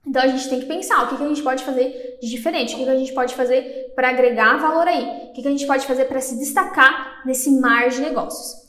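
A young woman from Brazil, hosting a solo podcast. She talks fast, stumbles over words and jokes about her own diction. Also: high-pitched, fairly bright tone. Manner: fast-talking, self-deprecating, trips over words. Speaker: podcast host. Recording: echoey room.

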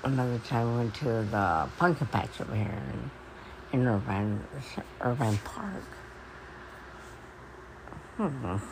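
A woman with toothless, gummy articulation, as if gumming soft food, rambling in a halting, repetitive, confiding monologue. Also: very deep voice, big pitch swings, noisy background. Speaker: personal podcaster. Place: at home.

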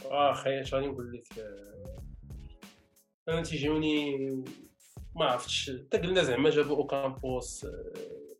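Quick Moroccan man chatting over music. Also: medium pitch. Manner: mixes in French words. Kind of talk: casual football chat.

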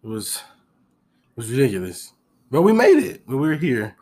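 A man co-hosting a podcast, telling travel stories in a casual, profane, animated way and laughing often. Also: medium pitch, a little slow, husky. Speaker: podcast co-host. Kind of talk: casual chat.

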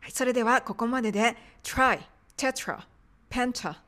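A woman's voice: on the high side, normal speed, pushed and bright. A woman teaching medical English pronunciation in a polite, explanatory podcast lesson.

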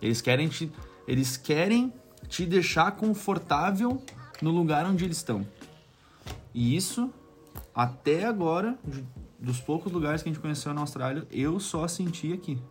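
Soft music plays behind a man whose fairly high voice is expressive and at a normal speed. An immigrant barber from Brazil with a southern Brazilian accent, he shares casual stories in slangy talk, swearing from time to time and imitating what people told him.

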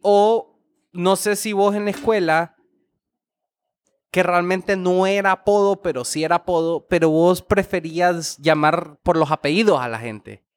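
A man's voice: sits high, a little slow. A man in casual chat with friends, joking and acting out the greetings he quotes. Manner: playful, acts out quoted greetings.

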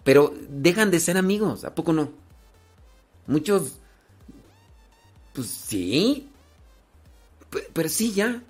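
A man's voice: on the high side, big pitch swings, slow, long pauses, breathy edge, faint music behind. A man with a Mexican Spanish accent chatting casually as a host, giving family and marriage advice with jokes and rhetorical questions. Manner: chatty, joking, rhetorical questions, many restarts.

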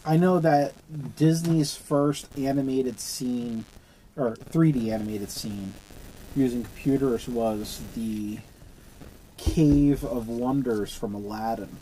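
A man's voice: mid-range voice, takes it slowly, mellow, a little hiss or hum, poor audio. A man co-hosting a podcast, chatting casually and joking at his own expense. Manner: laughing through hiccups, self-mocking. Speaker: podcast co-host. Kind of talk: casual chat.

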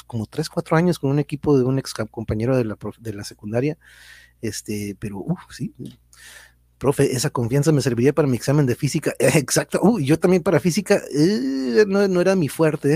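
A man's voice: medium pitch, dark tone, no room sound. A middle-aged Mexican man hosting a casual live-stream chat, greeting viewers by name and reading their comments in a chatty, slangy way. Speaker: podcast host and teacher.

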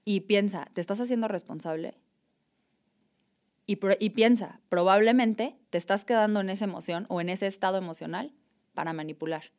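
Animated woman, reflective talk. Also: mid-range voice, moderate pace. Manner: animated, reflective, repeats "o sea" and "¿sabes?". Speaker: podcast guest. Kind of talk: casual conversation.

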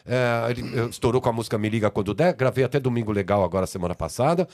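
A middle-aged man with a Brazilian accent, a guest telling lively, crude backstage stories on a podcast. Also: mid-range voice, rapid-fire, vocal fry. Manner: lively, crude storyteller who acts out scenes. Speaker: guest, music producer. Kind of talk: storytelling in a podcast.

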